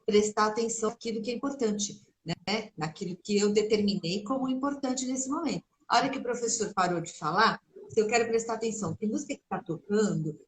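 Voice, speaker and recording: A woman's voice: mid-range voice, a little fast, low-quality recording. A woman guest speech therapist explaining in a conversational way on a video call, with many tag questions. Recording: faint noise and clicks on a call.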